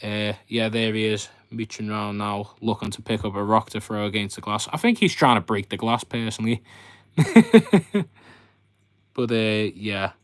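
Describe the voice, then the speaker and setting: On a laid-back fishkeeping live stream, the male host walks viewers through his fish tanks, rambling and talking to them directly. His voice sits on the low side, slightly bright and clean, with fairly even intonation, a somewhat quick pace, few pauses, and no room sound.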